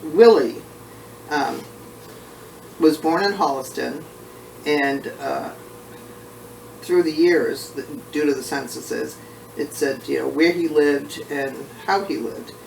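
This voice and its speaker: A man who is short of breath, talking casually and haltingly with frequent pauses as he recalls family history in an oral history interview. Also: a little high, vocal fry, a little mellow. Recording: roomy, distant mic, faint background noise.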